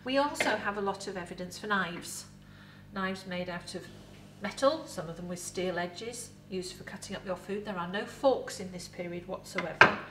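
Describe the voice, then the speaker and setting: A woman's voice: mid-range voice, normal speed, a little hiss or hum. English woman presenting in a roomy space. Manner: lively, chatty presenter with props. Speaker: museum educator in Viking costume. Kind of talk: educational talk to camera. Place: indoor museum set with replica kitchen. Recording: roomy echo, voice from a distance.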